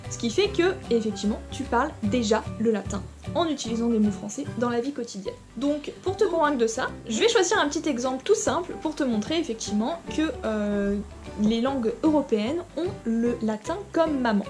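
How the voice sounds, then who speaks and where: A woman's voice: a little high, expressive, brisk, darkish tone, soft background music. A woman teaching a short lesson, talking directly to the viewer in an informal way with frequent hesitations. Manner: informal, addresses viewer directly, many fillers. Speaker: Latin teacher. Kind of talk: explanatory lesson video.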